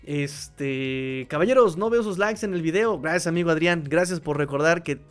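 A man hosting a casual sports talk show, animated and excitable, full of fillers and restarts. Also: on the high side, normal speed, clean tone, soft background music. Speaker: podcast host. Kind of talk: casual sports talk, reading viewer comments.

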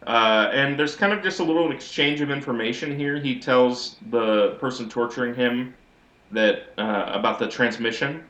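A man's voice: medium pitch, moderate pace, a bit bright. A man co-hosting a podcast, giving a wry, rambling recap of a TV episode in casual chat. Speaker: podcast co-host. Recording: echoey audio, as if in a sewer.

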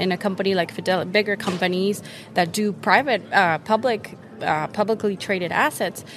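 A woman's voice: medium pitch, a bit bright. A young woman from Venezuela, a guest on a podcast, explaining retirement investing eagerly with plenty of fillers, recorded on a busy conference floor. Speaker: guest, retirement account specialist. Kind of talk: conversational interview.

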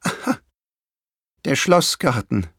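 A man voicing a kindly, caring older grandmother in a storybook reading, gentle and sighing. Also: mid-range voice, expressive, moderate pace, no room sound, clean studio sound, close to an everyday voice. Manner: gentle, warm-hearted, sometimes sighing.

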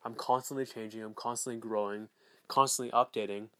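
A man's voice: medium pitch, fairly even intonation, a little fast, bright, forceful tone, no room sound. A man hosting a solo podcast, recorded as a voice memo on a phone recorder app, talking in a rambling, self-assured way with lots of filler words and swearing. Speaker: podcast host.

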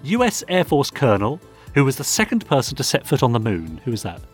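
A British man from the United Kingdom co-hosts a podcast, chatting casually and reading listener messages in a teasing, chatty way. His medium-pitched voice swoops wildly and moves fast, with faint music in the background.

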